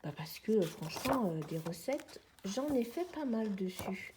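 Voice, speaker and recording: A woman's voice: mid-range voice, big pitch swings, measured pace, a little mellow, slight background noise. A woman in her forties chatting casually to the camera at home while sorting things, calling her viewers friends. She is on a tripod, with the mic on the far side of her. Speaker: vlogger. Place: at home, sitting on the floor.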